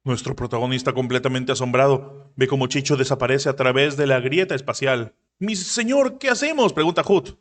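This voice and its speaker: A man narrating a manhwa story recap, briefly raising his pitch to voice the characters he quotes. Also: fairly even intonation, brisk, few pauses, in a large hall.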